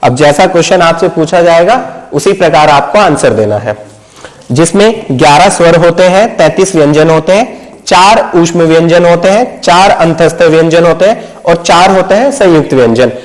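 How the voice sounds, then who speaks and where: A man's voice: on the high side, expressive, moderate pace, poor audio. A man teaching a Hindi lesson who asks questions and answers them himself, checking in with his students often. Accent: Hindi mixed with English words. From Uttar Pradesh. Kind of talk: explanatory video lesson.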